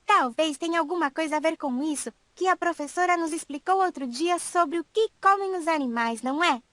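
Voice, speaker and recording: Cartoon schoolgirl, helpful, very high voice, dry studio sound. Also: a little fast, a bit bright, no room sound. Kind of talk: scripted educational cartoon dialogue.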